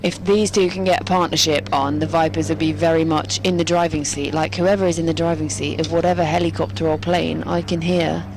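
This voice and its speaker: Over background noise, a woman with a low, fairly even voice speaks briskly with few pauses. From a commentary box at a quiet ground, she co-commentates on a cricket match, offering chatty player analysis and light jokes as colour commentary.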